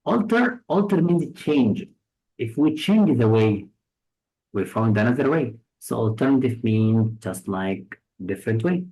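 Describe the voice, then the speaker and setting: A man's voice: on the low side, unhurried, mellow, low-quality recording. A man teaching English vocabulary for test prep with an Egyptian accent, patiently explaining each word through examples and synonyms.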